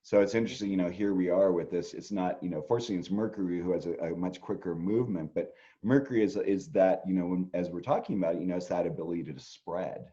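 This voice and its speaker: His low, mellow voice races along with hardly any pauses on lo-fi audio. The middle-aged astrologer co-host rambles casually, packing his conversation with fillers.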